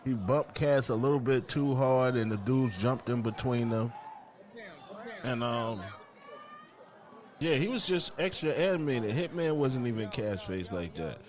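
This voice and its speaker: A man's voice: medium pitch, expressive, unhurried, a crowd in the background. A man hosting a casual event recap, talking informally in street slang and rambling through his retelling. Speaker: host, event commentator.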